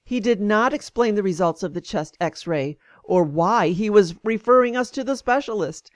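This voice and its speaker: A woman's voice: mid-range voice, expressive, moderate pace, dry recording. A woman hosting a show, telling a personal story in an indignant, conversational way.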